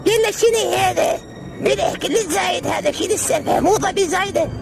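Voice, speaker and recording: A man's voice: very high voice, quick pace, creaky. A man playing a fussy, nagging villager who complains in an Iraqi Arabic accent, in a comic skit. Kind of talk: comic dialect dialogue. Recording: music behind the voice.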